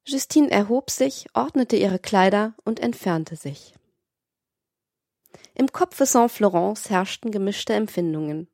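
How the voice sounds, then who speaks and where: A woman narrating a classic novel as an audiobook in a measured, literary manner. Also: mid-range voice, lively intonation, darkish tone, dry recording, clean studio sound.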